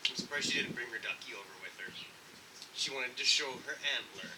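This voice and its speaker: A man's voice: medium pitch, brisk. A man hosting a casual snack review vlog outdoors, talking in a laid-back, rambling way as he thinks aloud. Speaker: food review host. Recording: windy outdoor recording. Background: wind noise.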